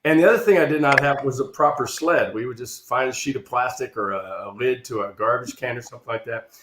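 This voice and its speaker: A man telling a funny childhood story in a casual chat, animated and building to loud punchlines. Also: medium pitch, quick pace, echoey room. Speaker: improv comedian telling a story. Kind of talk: casual storytelling on a video call.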